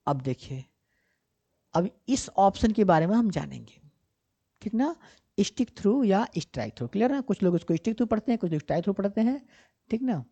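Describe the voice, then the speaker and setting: Casting: woman computer tutor, mellow voice, patient step-by-step questions, slightly dull lo-fi recording. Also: mid-range voice, very animated, a little fast, long pauses, slightly rough. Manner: asks herself questions and answers them, checks often with 'ठीक ना'; repetitive, step-by-step explaining. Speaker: computer teacher. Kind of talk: screen-recorded software tutorial.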